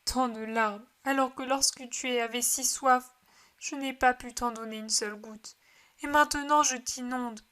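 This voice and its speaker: A heartbroken mother on the edge of despair, swinging between tender murmurs and anguished cries, as a woman reader puts her on. The voice sits fairly high and sounds bright, close and intimate like a storybook reading. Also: steady tone, unhurried. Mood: tender grief. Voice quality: emotional pleading delivery. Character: grieving mother, desperate, clinging to faith.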